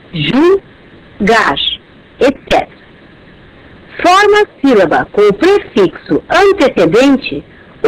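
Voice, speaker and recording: A teacher giving a slow, dictated grammar lesson, carefully spelling out syllables one by one. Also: high voice, a little hiss or hum, rough recording.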